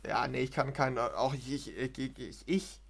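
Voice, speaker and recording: A man's voice: medium pitch, fairly even intonation, normal speed, vocal fry, a bit bright, slightly rough. A young man from Münsterland with a Münsterland accent, co-hosting a podcast in an easygoing way. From Münsterland, Germany. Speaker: podcast co-host. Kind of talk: casual chat.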